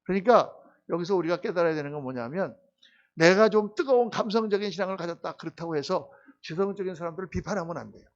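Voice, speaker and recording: A middle-aged man preaching with a high voice, delivering an animated Bible exposition as pastor. He keeps posing questions to the congregation and answering them, and the recording sounds dull and lo-fi. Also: fast. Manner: animated, acts out quoted disciples with sudden loud bursts.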